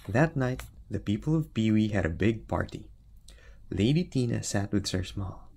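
A man reading a picture book aloud in a relaxed way, pointing out the pictures and adding asides. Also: on the low side, normal speed, gravelly, slight background noise. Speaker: storyteller.

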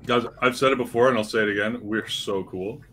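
A man's voice: lowish voice, fairly even intonation, brisk, a bit bright, a little hiss or hum. A man co-hosting a casual livestream, joking and mocking himself while he builds. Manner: joking, self-mocking banter. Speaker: livestream co-host building toy bricks. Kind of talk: casual chat.

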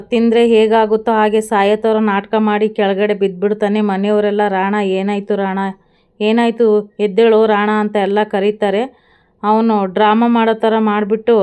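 A woman hosting her channel, retelling a TV serial episode in a steady, even way. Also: mid-range voice, clear, resonant tone. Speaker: channel host. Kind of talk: serial episode recap narration.

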